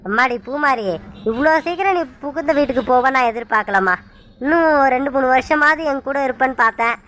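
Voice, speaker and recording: A woman voicing a gentle, affectionate middle-aged village father in a cartoon, speaking soothingly. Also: high voice, brisk, a little hiss or hum. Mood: fond. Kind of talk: cartoon voice acting.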